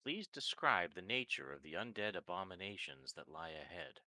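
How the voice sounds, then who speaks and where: A man at a gaming table voices a terse warforged construct that speaks in clipped, robotic reports and announces every statement with a label. The voice sits very low yet rings bright and forceful, with a lively rise and fall. The sound is dry and close. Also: moderate pace, no echo, heavily acted, rough recording. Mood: flat. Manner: clipped robotic speech, announces "Query" and "Analysis". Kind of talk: tabletop role-play.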